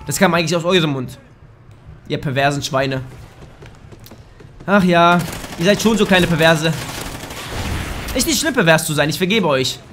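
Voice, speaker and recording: Young male gamer, high-pitched and a bit hoarse, crude and excitable, yelps at his screen, faint game gunfire behind. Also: moderate pace, pauses often, slight background noise. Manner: excitable, crude, bursts into shouts. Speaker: gaming YouTuber. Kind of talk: casual let's play commentary. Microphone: desk microphone.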